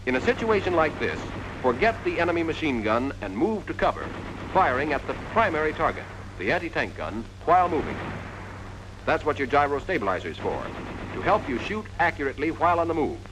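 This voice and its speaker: Over a noisy background, a brisk, sing-song male voice on the higher side delivers a scripted 1940s army instructional film narration. The American narrator instructs the trainee directly, calling him "you," on the vintage soundtrack.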